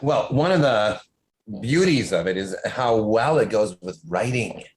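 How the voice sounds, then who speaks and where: A man's voice: on the low side, lively intonation, measured pace, a little hiss or hum, low-quality recording. Rambling, stammering man guest. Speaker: podcast guest, horror author. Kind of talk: casual chat.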